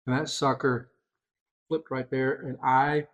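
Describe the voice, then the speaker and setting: A middle-aged man hosting a podcast, telling a hunting story in casual chat, excitable and animated. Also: mid-range voice, unhurried, dull audio. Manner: excitable, animated storyteller, voices others in quotes. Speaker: podcast host.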